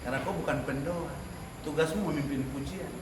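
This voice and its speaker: An animated man with a high voice teaches a church class on leading worship. He often checks in with his listeners and laughs. He sounds distant, in an echoey room with clear background noise. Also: fairly quick. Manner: animated, rhetorical questions to the class, frequent laughter. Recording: echoey room, mic far off, noisy.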